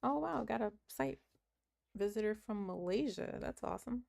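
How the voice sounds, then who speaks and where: Croaky, chatty woman livestream host. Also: medium pitch, expressive, moderate pace, a little mellow. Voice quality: croaky morning voice. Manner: chatty, earnest, laughs often, thinks aloud. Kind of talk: casual chat while doing puzzles.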